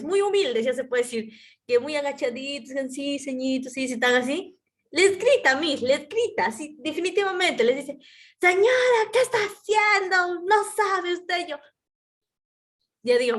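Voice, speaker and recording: Young adult woman, high-pitched, animated storyteller sharing with the class on a call. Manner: animated storytelling, addresses teacher as "Miss" often. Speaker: student. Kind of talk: personal account in class discussion.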